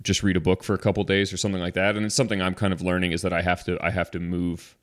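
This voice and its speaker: In studio-quality audio without echo, a man with a low voice hosts a podcast at a rapid-fire clip. He sounds a bit congested and rambles casually, frequently starting over mid-thought.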